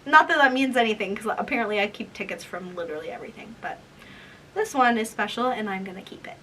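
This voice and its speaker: Talking fast and animatedly in a bright, forceful, medium-pitched voice, a twentysomething vlogger reads from her old diaries. She's casual, embarrassed and self-mocking, recorded on a distant mic with room noise.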